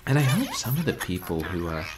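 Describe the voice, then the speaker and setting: On the low side and brisk, with huge pitch swings, this streamer's voice carries his casual livestream chat. The man, in his thirties, games from a small indoor bedroom, talking wryly and self-deprecatingly in wordy phrases over a noisy home webcam stream.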